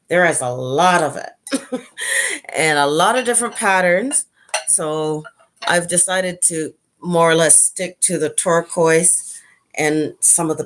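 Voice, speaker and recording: Middle-aged woman host, unhurried and low, casual and hesitant. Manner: slow, relaxed, hesitant. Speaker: channel host. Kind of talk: casual chat.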